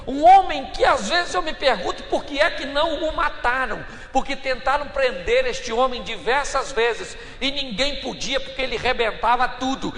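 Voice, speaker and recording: Pastor preaching, high bright gravelly voice, long church echo. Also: male voice. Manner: animated storytelling preacher. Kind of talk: sermon. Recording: echoey church hall reverb.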